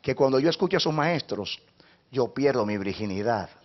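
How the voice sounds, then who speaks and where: A man preaching a sermon as pastor, impassioned, swinging between hushed passages and loud, rising preaching. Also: medium pitch, expressive, normal speed. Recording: dull lo-fi recording.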